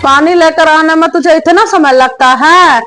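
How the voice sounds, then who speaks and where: A woman's voice: extremely high pitch, a little slow, pushed and bright, soft background music, full character voice. A woman voicing a nagging, sarcastic older mother-in-law in a comedy skit, scolding and taunting.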